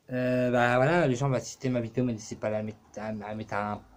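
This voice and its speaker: A man's voice: mid-range voice, fairly even intonation, normal speed. A man talking casually to his camera for his own channel, rambling and cursing with many fillers. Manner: rambling, profane, full of fillers. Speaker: YouTuber.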